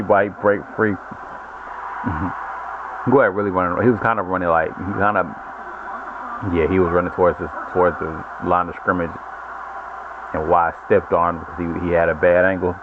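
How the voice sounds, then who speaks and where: Man, casual gameplay commentary, rambling, low voice, lo-fi phone-like sound, noisy background. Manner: rambling, self-correcting storyteller. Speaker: gaming channel host. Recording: lo-fi phone-like audio with noise.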